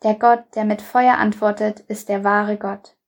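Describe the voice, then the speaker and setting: A woman voicing a stern male prophet who proclaims to a crowd, read slowly and solemnly in a Bible reading. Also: medium pitch, level tone.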